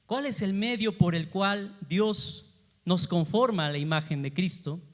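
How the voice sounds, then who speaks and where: High-voiced pastor preaching in a reverberant church. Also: male voice, a little slow. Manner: rhetorical questions to the congregation, shifts between loud emphasis and quiet asides. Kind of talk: sermon. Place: church sanctuary.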